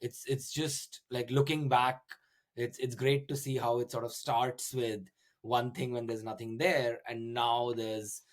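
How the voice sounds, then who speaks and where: A man's voice: mid-range voice, flat delivery, measured pace. A man hosting an interview, reflecting in a hesitant, casual way with many "like"s and "uh"s. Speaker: show host.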